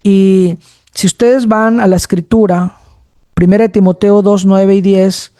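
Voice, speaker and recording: Addressing his audience as brothers again and again, a preacher speaks slowly in a level, mellow tone, shifting between low, middle and high pitches.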